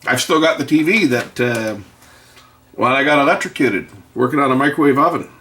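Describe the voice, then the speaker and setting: A man's voice: medium pitch, animated, fairly quick, pushed and bright. A middle-aged man rambles through a wry anecdote while repairing something, muttering asides about the work. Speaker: video maker and electronics tinkerer.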